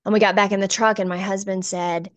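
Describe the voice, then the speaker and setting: A woman's voice: mid-range voice, little pitch movement, fast, no echo. A middle-aged woman, a church volunteer sharing an earnest, emotional personal testimony. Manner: earnest, emotional, gets choked up.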